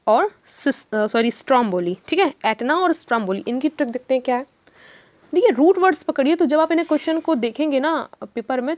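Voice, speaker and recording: High-voiced woman teaching exam tricks. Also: no room sound. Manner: chatty, storytelling, asks students questions. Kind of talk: exam-prep lesson with memory tricks.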